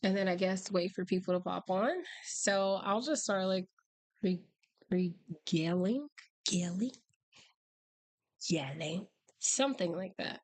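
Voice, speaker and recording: A woman livestream host chatting casually and rambling wryly, her voice hoarse, strained and breaking from being sick. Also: on the low side, takes it slowly, pauses often. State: hoarse, voice nearly lost from illness. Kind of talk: casual livestream chat with viewers.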